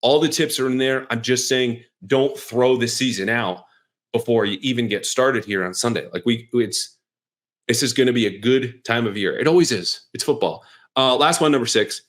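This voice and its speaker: Energetic male sports podcast host. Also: medium pitch, moderate pace. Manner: energetic, conversational, lively emphasis. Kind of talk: casual sports chat.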